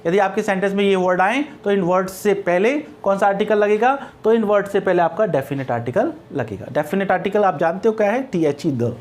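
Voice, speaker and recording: Indian man teaching grammar slowly. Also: sits high, a little mellow. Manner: explains slowly, repeats points, asks and answers his own questions. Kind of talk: classroom grammar lecture.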